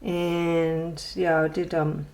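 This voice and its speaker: The host of a colouring channel talks casually in a show-and-tell vlog, rambling and hesitating with lots of ums and poking fun at herself. Her voice is deep, a little mellow and barely moves in pitch, and she speaks very slowly.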